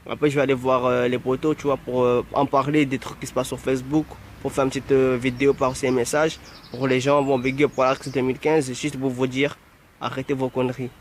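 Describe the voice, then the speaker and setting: A man's voice: medium pitch, flat delivery, a little fast, slight background noise. A young man from Marseille giving a rambling, preachy message to his followers, often stopping to say "you see" and "anyway". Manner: rambling, preachy, repeats "tu vois" and "bref". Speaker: music producer addressing his followers. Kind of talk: casual direct-to-camera message.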